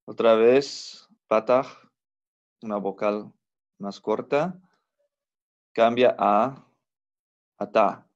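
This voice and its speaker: A man teaching a Biblical Hebrew class, explaining slowly and patiently with many fillers and self-corrections. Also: on the low side, creaky, highs cut off. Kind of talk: recorded online class lecture.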